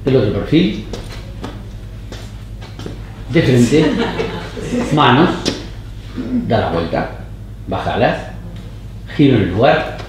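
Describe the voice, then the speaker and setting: Slow, terse man giving camera directions. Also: medium pitch, a little hiss or hum. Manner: terse, calm, even commands. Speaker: acting teacher directing a casting tape. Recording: roomy echoey studio.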